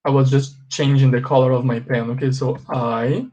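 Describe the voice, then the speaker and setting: A man with a Brazilian accent, teaching a live class as an English teacher. He repeats examples slowly and puts questions to his students. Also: mid-range voice, steady tone, a little mellow, dull audio, slight background noise. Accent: Brazilian Portuguese.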